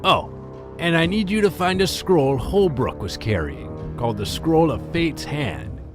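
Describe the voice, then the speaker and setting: Casting: grumpy old lady quest giver, gruff and lively, a man voicing her. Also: fairly high pitch, measured pace, over music.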